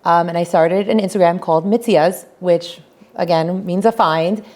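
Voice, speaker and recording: An American woman in her thirties, a business founder telling her story in a casual interview, chatty and animated. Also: fairly low pitch, moderate pace. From United States.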